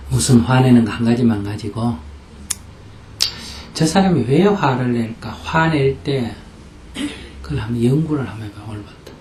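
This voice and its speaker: A man's voice: mid-range voice, lively intonation, normal speed, pauses often, darkish tone, a little hiss or hum. A man teaching as a Buddhist teacher in a live question-and-answer talk, blunt and coaching, repeating his questions and at times dropping almost to a whisper. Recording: roomy hall sound.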